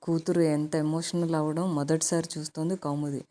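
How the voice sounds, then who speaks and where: A woman telling a family story, narrating in a calm, gently expressive way. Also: low voice, a little fast.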